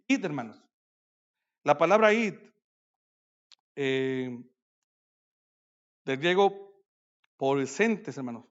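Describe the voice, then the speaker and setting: Fervent high-voiced man preaching a sermon. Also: muffled recording. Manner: addresses listeners as brothers, swings between loud declarations and low asides. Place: church conference hall.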